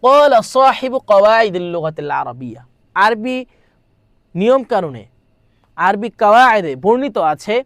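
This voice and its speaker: A man's voice: high-pitched, dry recording, clean studio sound. A man teaching an exam-prep grammar lesson. He reads lines aloud, translates them, repeats them, and keeps asking rhetorical questions. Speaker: madrasa exam tutor.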